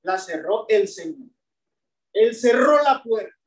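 A woman's voice: fairly high pitch, animated, takes it slowly. A woman preacher delivering a sermon, often putting rhetorical questions to the congregation and addressing them as brethren. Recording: echoey room, voice from a distance.

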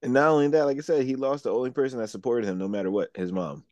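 Casting: male podcast co-host, mid-pitched, blunt and profane, argues the other side, dry close mic. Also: very fast, darkish tone, no room sound, highs cut off. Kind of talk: casual chat.

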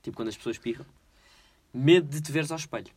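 A man with a European Portuguese accent hosting a casual quiz, playful and jokey, slowing down over hard words. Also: mid-range voice, darkish tone, breathy edge, no room sound. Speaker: quiz host.

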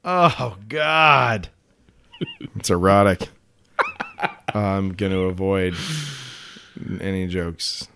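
A man's voice: deep voice, extremely slow, gravelly, pauses often, sharp tone, a little hiss or hum. A man co-hosting a podcast in casual comedic chat, joking and laughing often, with frequent restarts. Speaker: podcast co-host.

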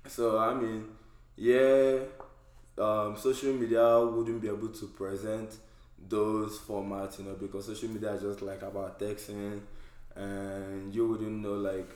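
A man's voice: lowish voice, flat delivery, unhurried, a little mellow. A man leading a casual group discussion, talking loosely with lots of "like" and "you know". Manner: conversational, many fillers like "like" and "you know". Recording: echoey room.

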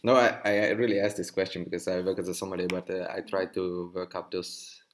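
A Hungarian sommelier chats casually, rambling, restarting often and asking for agreement. His voice is deep and level, fairly quick, with a little hiss or hum in the background.

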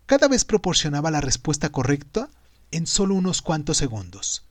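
Male storyteller host, higher-pitched, emphatic and theatrical with deliberate pauses, very animated. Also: dry recording, clean studio sound. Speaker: podcast host and narrator. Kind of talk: scripted storytelling narration.

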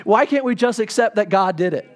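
A man in his thirties preaching a sermon, telling the story with lively acted-out voices and frequent restarts. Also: high-pitched. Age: 30s. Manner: animated storytelling, acts out crowd complaints; halting restarts and repeated words. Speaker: pastor.

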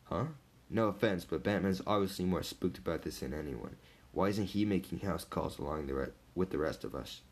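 A man's voice: deep voice, expressive, brisk, husky, full character voice. A man reading the lines of a breezy, irreverent male superhero in a casual, joking way. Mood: puzzled. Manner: wisecracking, casual.

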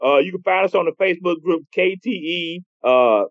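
A man's voice: high voice, fairly quick, no echo. Teasing man on a dull dry line. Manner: teasing, hyped, slangy. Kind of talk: casual podcast chat.

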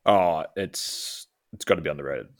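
A man's voice: very deep voice, normal speed, no room sound, clean studio sound. A man co-hosting a casual podcast, keen and teasing, calling his friend mate. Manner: enthusiastic, teasing, says mate a lot. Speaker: podcast co-host. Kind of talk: casual chat.

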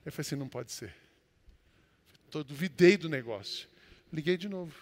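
A Brazilian-accented male pastor delivers a storytelling sermon, his fairly high voice ringing with the long reverb of a large hall. He swings from loud declarations to low, confiding asides. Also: animated, normal speed. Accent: Brazilian Portuguese.

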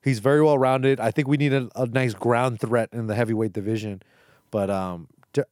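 A man's voice: medium pitch, fairly even intonation, normal speed, a little mellow, no room sound. Casual male podcast co-host, dry sound. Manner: casual, says "dude" and "bro". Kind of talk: casual chat.

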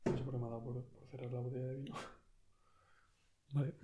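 Un hombre con acento de España que cuenta una anécdota en tono informal, relajado y con risas frecuentes. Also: male voice, mid-range voice, flat delivery, fast, mellow, husky, dull audio. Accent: Spain Spanish. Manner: laid-back anecdotal, laughs often, slangy. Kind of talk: casual storytelling.

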